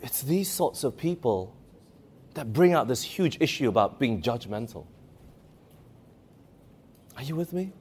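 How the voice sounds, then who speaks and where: A man's voice: mid-range voice, animated, unhurried, pauses often, darkish tone, husky. A man preaching a sermon, emphatic, asking the audience questions and reading scripture aloud.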